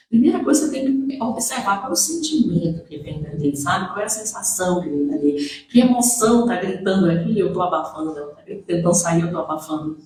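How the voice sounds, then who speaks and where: A woman with a Brazilian Portuguese accent teaching about emotional healing, speaking gently and asking many questions. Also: medium pitch, very echoey, distant mic, low-quality recording. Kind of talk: talking to camera about emotions.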